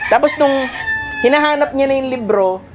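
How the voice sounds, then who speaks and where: A man's voice: extremely high pitch, moderate pace, background noise. A man in his thirties preaching a sermon in church, conversational, often chuckling at his own stories. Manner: conversational, keeps saying "mga kapatid" and "diba?". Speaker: pastor.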